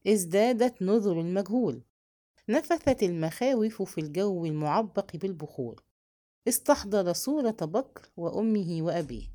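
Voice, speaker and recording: A woman narrating a novel as an audiobook, reading in an expressive, measured storytelling manner. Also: mid-range voice.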